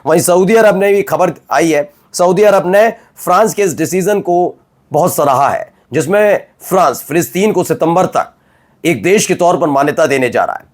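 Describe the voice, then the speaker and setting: Emphatic male news anchor, slightly high. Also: normal speed. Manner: emphatic, rhetorical questions to viewers. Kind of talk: conversational news presenting.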